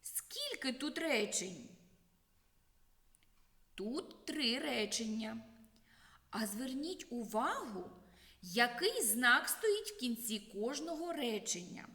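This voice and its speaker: A woman teaching a children's literacy lesson in a slow, expressive, sing-song teacher voice. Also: a little high. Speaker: primary school teacher. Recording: echoey room with long reverb.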